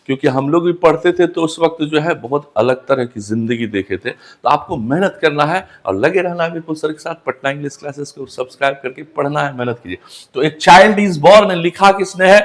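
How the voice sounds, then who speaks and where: A man's voice: fairly high pitch, animated, a little fast. Bihari man teaching, quizzing his students. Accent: Bihari Hindi. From Bihar, India. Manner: repeats questions back to students and answers them himself. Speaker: English teacher. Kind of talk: classroom lecture.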